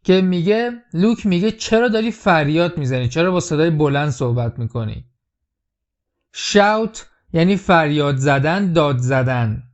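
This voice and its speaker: A man with a fairly high voice teaches English in a patient, explaining tone, and he says the key phrases slowly and carefully. The recording sounds a little dull and lo-fi. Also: expressive. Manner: repeats English lines slowly, then explains them. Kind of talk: explaining film lines in a language lesson.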